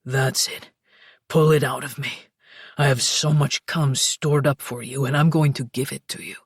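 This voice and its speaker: A woman voicing an older Italian mafia boss, speaking low, commanding and in a husky half-whisper. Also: steady tone, normal speed, dry recording, studio quality, full character voice. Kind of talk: audiobook dialogue reading.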